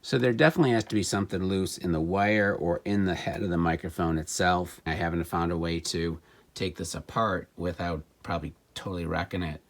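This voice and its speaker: A man with a deep, fairly even, brisk voice talks casually through a hands-on demonstration. He's a vlogger showing and repairing vintage electronics, musing and thinking aloud as he works.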